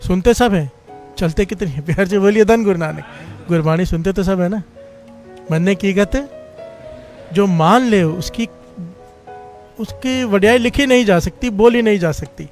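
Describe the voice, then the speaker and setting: A man's voice: high-pitched, a little mellow, soft background music. A man preaching a devotional Sikh sermon, telling a story in an earnest way and often calling on the congregation to respond with praise. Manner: keeps urging the congregation to call out praise; earnest storytelling, quotes scripture in a slow chant. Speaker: Sikh preacher giving katha.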